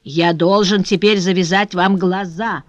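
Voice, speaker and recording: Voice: mid-range voice, fairly even intonation, measured pace, no room sound, dull audio, natural voice. A cunning male abductor speaks coldly and insistently while putting on false friendliness, as the reader voices him. He is an audiobook character, heard close and dry with no room sound. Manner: cold, insistent, feigning friendliness. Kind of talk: audiobook reading.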